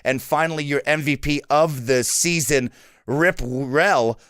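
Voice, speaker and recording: Male esports host, upbeat presenter delivery, w in place of r, smooth and a touch high-pitched. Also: steady tone, normal speed, fairly bright tone, no echo, studio quality. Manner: says w for r. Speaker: esports talk show host. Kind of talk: upbeat esports show commentary.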